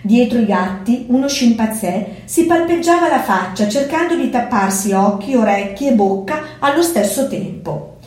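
Teacher reading aloud in an echoey room. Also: female voice, fairly high pitch, animated, a little mellow. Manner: clear, measured read-aloud delivery. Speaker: preschool teacher.

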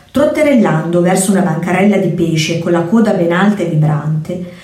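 A woman calmly reading a children's story aloud as narrator. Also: medium pitch. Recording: echoey room, far from mic.

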